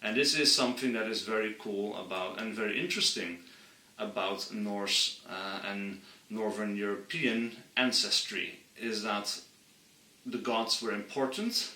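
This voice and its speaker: A man from Friesland, earnestly explaining history to his channel's viewers and slowing down to stress key points. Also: lowish voice, bright, forceful tone, reverberant, far from the mic, low-quality recording. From Friesland, Netherlands. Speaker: channel host. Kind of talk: explainer monologue.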